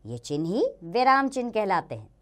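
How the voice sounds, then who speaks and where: A woman teaching a grammar lesson to children in a slow, sing-song way. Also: mid-range voice, big pitch swings.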